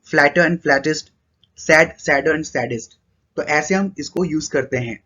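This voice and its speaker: A man with a fairly high voice teaches a grammar lesson, switching between Hindi and English. He spells out the examples letter by letter and stretches them slowly, and the recording sounds muffled and lo-fi. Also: a bit bright.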